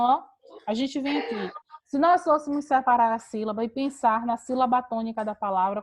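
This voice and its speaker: Female teacher, online class, slightly high voice, patient step-by-step explaining, video call audio.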